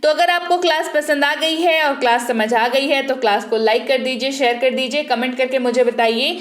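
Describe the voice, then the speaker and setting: A woman teaching an online English speaking class, reading each phrase slowly and repeating it twice for learners to copy. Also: high voice, fairly even intonation, echoey room. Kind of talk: spoken English lesson.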